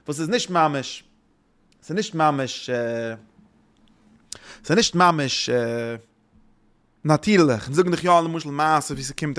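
Halting man. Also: fairly high pitch, fairly bright tone. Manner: rambling, halting, repeats phrases. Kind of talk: informal religious discourse.

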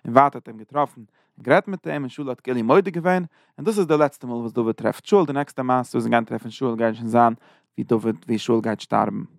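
A man giving an informal Bible lesson, retelling the story in loose, halting phrases. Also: mid-range voice, vocal fry, dry recording, clean studio sound. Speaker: Bible teacher.

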